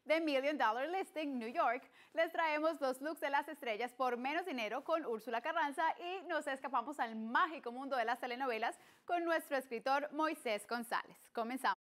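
A woman in her thirties hosting a TV show in a studio, reading intros and interviewing a guest in a bright, upbeat presenter tone. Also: high voice, moderate pace. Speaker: TV show host.

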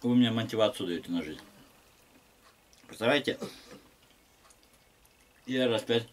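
Low-voiced man chatting while eating noodles. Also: lively intonation. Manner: chatty, slangy, pauses to chew and hum. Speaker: mukbang vlogger. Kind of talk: casual eating vlog chat to viewers.

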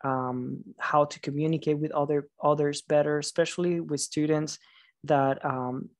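A male trainer with a flat, even delivery explains material in an online presentation. He speaks haltingly, pausing and hesitating often as he goes. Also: fairly high pitch. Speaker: teacher trainer, webinar presenter.

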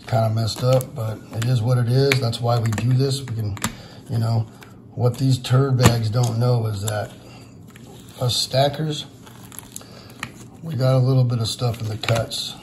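A hoarse man who is losing his voice hosts a casual vlog for his viewers, rambling with frustration and plenty of fillers. He's a silver stacker with a medium-pitched voice, sitting off screen at an indoor table while the camera points down at his silver bars. Background noise can be heard.

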